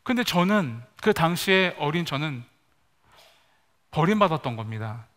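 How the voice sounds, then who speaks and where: A man preaching a personal, confessional sermon in a fairly high voice. His delivery swings widely in pitch, rising with emphasis and sinking to a hushed murmur when he speaks to himself. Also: very animated, a little slow. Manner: confessional, drops to soft near-whisper when voicing inner self-talk. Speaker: pastor. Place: large church hall.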